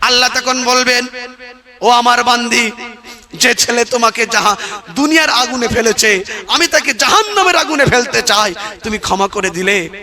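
A man preaching a sermon who moves between spoken lines and half-sung, dramatic wailing cries and shouts. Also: very high voice, normal speed. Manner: half-sung melodic delivery. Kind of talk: Bengali waz sermon.

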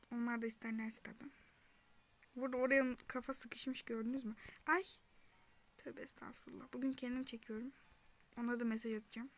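A woman's voice: on the high side, fairly bright tone. A young woman chatting through her own gameplay for a gaming channel, often dropping into whispers and yelping when chased. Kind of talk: casual gameplay commentary.

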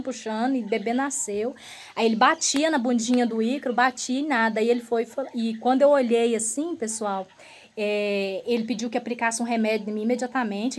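A woman vlogger telling her own story earnestly to her viewers, often turning to address them directly. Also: on the high side. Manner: relaxed, repetitive phrasing.

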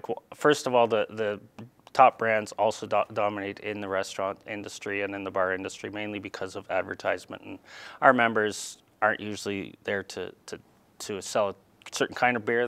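Hesitant low-voiced male industry spokesman. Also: gravelly, fairly bright tone, smooth, no echo. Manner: hesitant, many fillers and repeated words. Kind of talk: studio interview answers. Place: small TV studio. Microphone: lapel mic.

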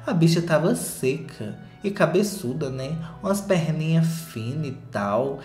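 A man's voice: on the high side, animated, a little slow, a little mellow. A man chatting through a reality show recap in a campy, sarcastic, gossipy way. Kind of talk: casual gossip commentary. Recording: roomy echo, faint music.

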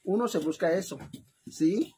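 A woman with a Mexican accent chatting casually on a livestream, talkative and animated, laughing often and calling her viewers "hermanas". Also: lowish voice, measured pace, a little hiss or hum. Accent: Mexican Spanish. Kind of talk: casual livestream chat to followers.

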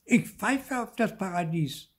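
A sulky little storybook monkey, put on by an older man reading aloud, squeaking high and husky. He grumbles with dismissive disgust, and his voice swings lively up and down. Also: a little slow, exaggerated voice. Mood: grumpy. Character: grumpy little male pet monkey.

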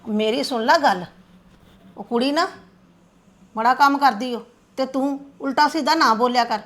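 A woman's voice: high voice, normal speed, a bit bright. A woman playing a firm reproachful mother-in-law. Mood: questioning. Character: firm mother-in-law who takes no sides. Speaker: mother in a family drama. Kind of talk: amateur family drama acting.

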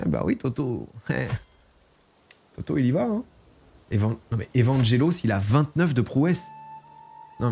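A man talks his way through a strategy game in a loose, chatty let's-play style, reading game text aloud and bantering with the characters. His voice sits at an ordinary middle pitch. Faint music plays quietly behind him. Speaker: gaming streamer. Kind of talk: casual let's-play commentary.

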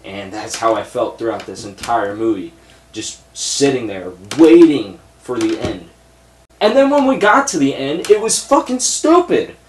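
A man's voice: mid-range voice, big pitch swings, measured pace, roomy sound, slight background noise. A young man reviewing a movie in a blunt, profane, exasperated rant, seated at a desk in a small room full of shelves. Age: young adult.

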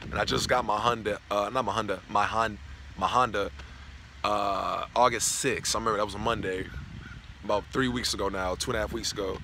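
A young adult man from Knoxville, Tennessee, vlogs outdoors on a college campus, ranting casually with loose, rambling, freely profane talk into a phone camera held at arm's length. His voice is fairly low, steady, fairly quick, bright and forceful. Background noise comes through clearly in the outdoor phone audio.

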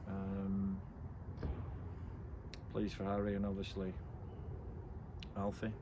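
A middle-aged English man, a football manager, giving a blunt, measured post-match interview outdoors at night, with frequent ums. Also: deep voice, completely flat delivery. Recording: outdoor noise behind.

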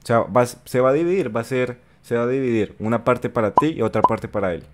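A young man with a Colombian accent and a medium-pitched voice talks fast, chatting and joking as he reacts to a video for his viewers. He's a reaction streamer sitting close to a studio mic on an arm in his bedroom setup.

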